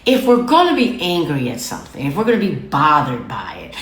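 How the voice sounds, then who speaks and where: Low-pitched and a little fast, this female host swings her pitch hugely in a reverberant space. Talking straight into the camera on her own show, she scolds her audience with affection, repeating phrases for emphasis and calling them babies and fam.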